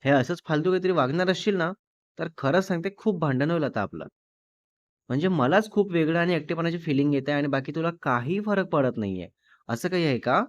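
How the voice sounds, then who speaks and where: A man's voice: fairly high pitch, expressive, no echo, muffled recording, natural voice. A man voicing a fiery, demanding young woman who scolds her fiancé. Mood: annoyed. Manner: scolding, quick to anger.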